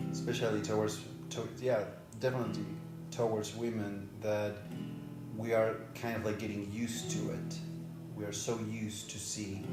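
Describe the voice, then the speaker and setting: A man from Chile, an actor, speaking earnestly and restarting phrases in a documentary interview. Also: fairly low pitch. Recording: roomy with loud guitar music. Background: guitar music.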